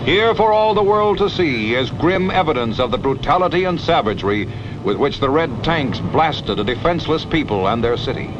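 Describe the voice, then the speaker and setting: Heard on an old newsreel soundtrack, a man delivers scripted narration with dramatic, emphatic announcer flair in a mid-range voice. The dull, lo-fi vintage recording has music and a noisy background.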